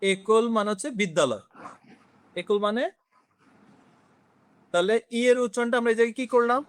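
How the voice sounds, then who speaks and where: High-voiced man teaching a class. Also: smooth, no echo. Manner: explains slowly, quizzes the class, mixes in English words. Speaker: French teacher. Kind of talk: classroom lesson.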